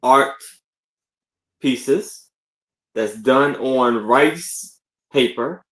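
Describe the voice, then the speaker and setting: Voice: medium pitch, extremely slow. A speaker describing items on a casual live sale, stumbling and hesitating over words.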